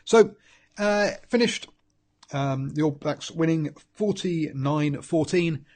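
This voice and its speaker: A New Zealand man with a stuffy head cold hosts a solo rugby pundit show, rambling through match analysis with lots of ums and restarts. His voice sits fairly high, with a darkish tone and a slow pace, and it sounds congested.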